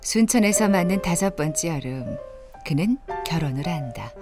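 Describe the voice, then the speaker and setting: A woman narrates a documentary in a measured manner, with a somewhat low voice. Her pitch rises and falls a great deal. Background music plays clearly under her narration. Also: lively intonation.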